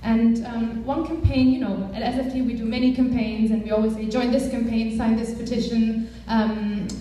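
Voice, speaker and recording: In a spacious hall full of echo, a young woman from Germany speaks to a live audience from far off the microphone. A campaigns director, she talks earnestly and conversationally with frequent fillers. Her warm, mellow voice is slightly high, with little pitch movement, at a normal speed.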